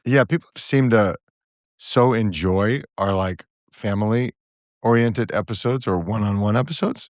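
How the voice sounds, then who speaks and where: A man's voice: lowish voice, a little slow, dry recording, studio quality. A middle-aged man with a bad cold, hosting a podcast and chatting casually with his daughter, chuckling often. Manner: chuckling, warm teasing banter. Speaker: podcast host. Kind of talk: casual family chat.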